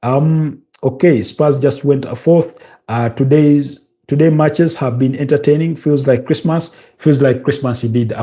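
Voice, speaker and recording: Reading viewers' comments during a live football watch-along, this Ugandan-accented livestream host speaks casually with lots of filler noises. His voice is mellow and medium-pitched.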